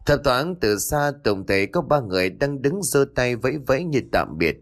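A man narrating a ghost story in a dramatic, expressive way. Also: mid-range voice, normal speed.

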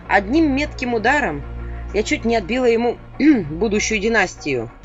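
A woman narrating an audiobook in a lively, expressive storytelling manner. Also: fairly high pitch. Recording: dull lo-fi audio with faint music.

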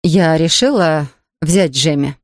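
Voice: mid-range voice, slow, no room sound, clean studio sound. A reader voicing a stern, wealthy lady in an audiobook, speaking in a grumbling, weary tone. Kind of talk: audiobook character voice.

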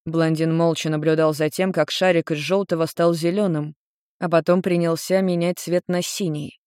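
A man narrating an audiobook in an even, measured storytelling voice. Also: on the high side, clear, resonant tone, no echo, clean studio sound.

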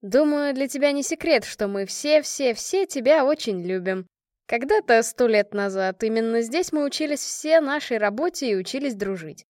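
A fond, joking squad commander raising a toast, her voice a little high and light, as a female reader puts her on. the recording is dry and up close. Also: expressive, moderate pace, a little mellow, dry recording, close to an everyday voice. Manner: affectionate, joking toast-giver. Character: commander of a women's squad, warm and teasing. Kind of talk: audiobook character reading.

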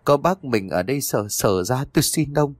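A man's voice: mid-range voice, animated, moderate pace, no echo, close to an everyday voice. A man voicing a frightened young wife who pleads tearfully with her husband. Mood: pleading.

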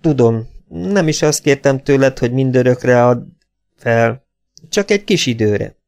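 A man's voice: mid-range voice, animated, gravelly, darkish tone. A man voicing a tense grown son who firmly insists to his old mother, in an audiobook. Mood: pleading. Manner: firm, insistent, sometimes pleading. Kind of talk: audiobook character voice.

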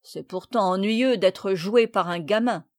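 A woman's voice: mid-range voice, unhurried, no room sound, clean studio sound, pitched below the performer's own voice, close to an everyday voice. A woman voicing a proud, touchy older boy cousin in a storybook reading, speaking in a mocking, prickly way.

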